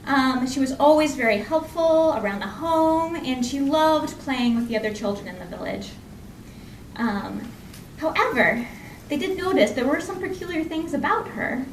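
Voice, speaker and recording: A high-voiced woman tells a folk tale live to an audience at an indoor library program. She's expressive and conversational, pausing and repeating phrases for effect, and the recording is distant and echoey with faint noise.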